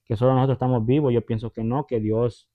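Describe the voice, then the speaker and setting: A preacher with a mid-range voice speaks quickly and in a level tone, giving a conversational Bible teaching over a tinny, phone-like line. He retells stories and acts out the voices, often checking in with listeners through tag questions.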